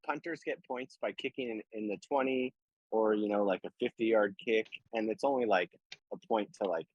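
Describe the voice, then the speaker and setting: A man chatting casually on a podcast, halting and trailing off as he pitches ideas. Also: darkish tone, breathy edge, no echo, lo-fi sound.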